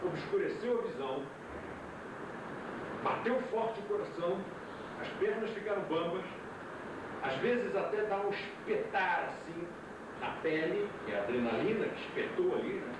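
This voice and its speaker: A man's voice: high voice, normal speed, pauses often. Man lecturing on an old VHS tape. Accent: Brazilian Portuguese. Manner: emphatic and animated, asks the class rhetorical questions. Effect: old VHS tape recording. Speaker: yoga teacher. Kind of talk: classroom lecture. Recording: echoey room from far off, loud tape hiss.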